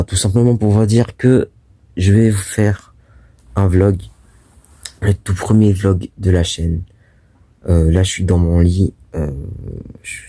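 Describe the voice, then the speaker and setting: A young man with a low, gravelly voice talks to his vlog viewers. The tone is dark and soft-edged, the chat casual and slangy, recorded dry from his bed. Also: dry recording. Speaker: vlogger. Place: in bed in a bedroom at night.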